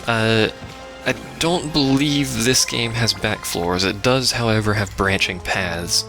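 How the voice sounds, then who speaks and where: A let's play host with a lowish voice gives slow, casual, rambling live commentary on a game, tossing in wry asides. Video game music plays in the background.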